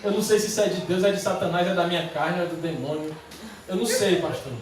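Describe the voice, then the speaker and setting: A man preaching imitates a confused churchgoer who is unsure what comes from God, uncertain and trailing off quieter. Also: sits high, steady tone, fast talker, noisy background, pitched below the performer's own voice, natural voice. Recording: echoey church hall from far off.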